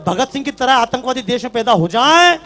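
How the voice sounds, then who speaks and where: A man's voice: very high-pitched, animated, brisk, sharp tone, faint music behind. A male religious speaker giving a fiery speech to a large tent gathering, firing rhetorical questions at the crowd.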